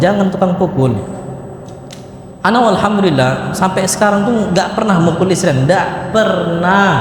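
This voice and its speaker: A man preaching a casual, joking study-circle sermon in a mosque, jumping into sudden high-pitched bursts on his punchlines. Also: slight background noise. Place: large mosque hall. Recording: echoey mosque hall with long reverb and faint ambience.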